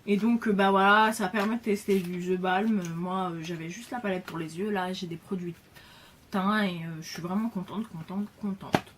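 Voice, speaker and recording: A woman's voice: medium pitch, fairly even intonation, moderate pace, slight background noise. A woman chatting casually in a beauty haul video, enthusiastic, with lots of fillers and repeated words. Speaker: beauty vlogger.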